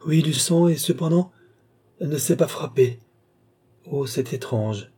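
A man reading the part of an entranced young woman who describes a distant vision in halting phrases, in an audiobook reading. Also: a little high, mellow, slightly rough. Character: entranced young woman seer, wide-eyed and fearful.

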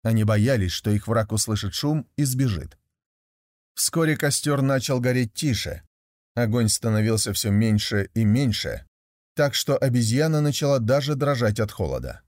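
Man, fairy tale narrator, steady, measured, middle pitch, dry recording. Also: dry recording. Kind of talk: reading a fairy tale aloud.

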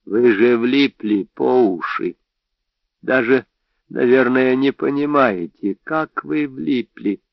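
A man voicing a shaken crime boss in an audiobook, warning slowly and gravely. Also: medium pitch, no room sound, pitched above the performer's own voice. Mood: grim. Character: shaken male crime boss, wheezing and grim. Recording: dry, slightly dull audio.

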